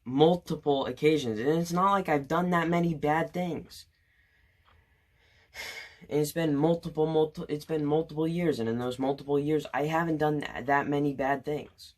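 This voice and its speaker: A man's voice: on the high side, fairly even intonation, moderate pace, darkish tone. A young man in his late teens, a student venting his opinions to camera in an indignant, sarcastic rant full of fillers and restarts. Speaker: student vlogger.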